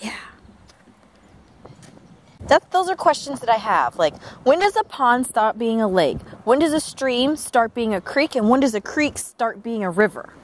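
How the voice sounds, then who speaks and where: A woman's voice: fairly high pitch, very animated. A young woman from West Virginia chatting casually and rambling on while filming a walk through a windy garden. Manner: rambling, chatty, quick laughs. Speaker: vlogger. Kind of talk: casual walking vlog chat. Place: outdoors in a windy botanical garden.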